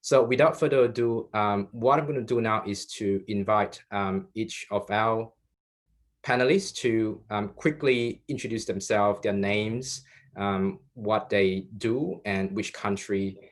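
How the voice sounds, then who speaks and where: This is a young man, hosting an online panel over a video call. His voice sits on the low side, and he talks in a relaxed, rambling way, filling pauses with ums and often restarting his sentences. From Malaysia. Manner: loose and conversational, with many ums and restarts. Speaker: webinar co-moderator. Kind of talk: live webinar hosting.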